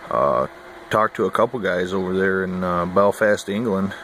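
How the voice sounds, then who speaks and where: An American hobbyist vlogger chats casually to camera, rambling in a laid-back, folksy, hesitant way. His voice is low-pitched and a bit bright at a normal speed, and the amateur camera audio is noisy.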